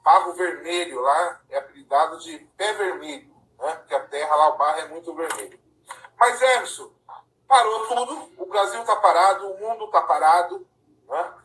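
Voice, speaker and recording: A man's voice: a little high, lively intonation, normal speed, a bit bright, slight background noise. A man from Paraná hosting a casual live-stream chat, talking conversationally and often ending with a tag question. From Paraná, Brazil. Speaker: live-stream host and councilors' association president. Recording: echoey room, distant from mic.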